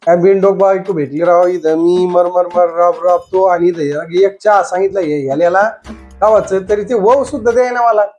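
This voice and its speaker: Brief: exasperated husband, high-pitched, pleading, music faint behind. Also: male voice, fairly even intonation, moderate pace, darkish tone. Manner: pleading, exasperated, talks to himself. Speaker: husband in comedy sketch. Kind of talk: scripted comedy sketch acting.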